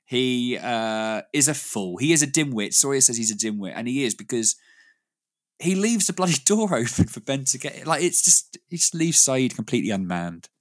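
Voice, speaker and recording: A man's voice: medium pitch, expressive, moderate pace. A British man co-hosting a casual podcast chat, rambling with frequent laughs and restarts. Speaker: podcast co-host.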